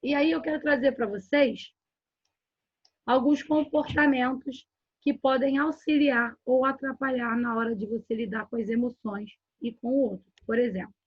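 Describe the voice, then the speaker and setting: A woman's voice: a little high, fairly even intonation, moderate pace, breathy edge, no echo. A woman with a Brazilian Portuguese accent giving a live workshop lesson, explaining step by step and often checking in with "né?" and "tá?". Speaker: workshop instructor. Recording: dull lo-fi sound.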